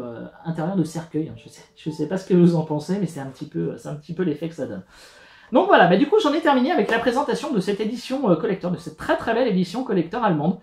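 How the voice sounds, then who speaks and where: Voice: medium pitch, a little mellow. A YouTube host in a casual unboxing vlog, chatty and hesitant, with many fillers and restarts, narrating each step while handling the box. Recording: echoey room with faint music.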